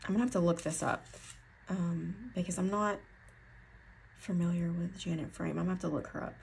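A woman's voice: lowish voice, a little fast, gravelly, a little mellow, a little hiss or hum. A woman with an Appalachian accent giving a casual tarot card reading, rambling and correcting herself as she thinks aloud. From Appalachian foothills, USA. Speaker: tarot reader.

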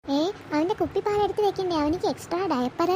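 A woman's voice: extremely high pitch, fast, a little mellow, a little hiss or hum. A woman voicing a young cartoon wife and mother who fusses and complains, chatty and nagging. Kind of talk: cartoon voice acting.

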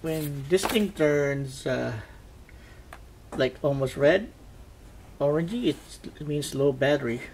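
A man reviews a gadget in a casual, halting way, thinking aloud as he goes. His voice sits a little high with noticeable vocal fry, and there is faint noise behind him. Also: darkish tone. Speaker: product reviewer. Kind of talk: casual unboxing and test narration. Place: indoors at a tabletop.

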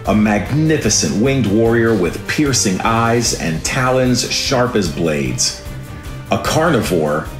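A man's voice: low voice, reverberant. A man reading scripted nature documentary narration in a dramatic, grandiose manner. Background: music.

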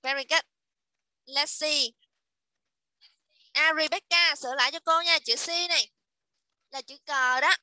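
A woman teaching an online English class to children, repeating each letter and word slowly and praising her pupils. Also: high-pitched, steady tone, bright, forceful tone, dry recording, rough recording. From Vietnam.

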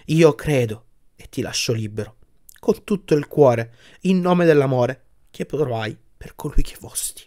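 A man voicing a sorrowful young woman in an audiobook, speaking softly and quietly as she lets her lover go. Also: medium pitch, a little slow, lightly acted. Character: young woman, sad, gently firm.

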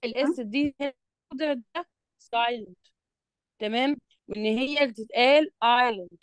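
A woman's voice: on the high side, clean tone, dry recording. A woman with an Egyptian Arabic accent tutoring a student in English, explaining patiently and checking often that she is understood. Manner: reads English sentences slowly and deliberately. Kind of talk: one-on-one revision lesson.

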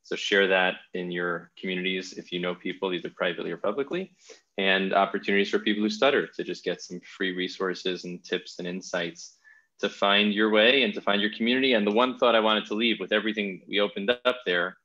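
A man's voice: low-pitched, brisk, pushed and bright, highs cut off. A man hosting a podcast interview, talking in an enthusiastic, thoughtful way with frequent restarts. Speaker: podcast host. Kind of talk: casual interview chat.

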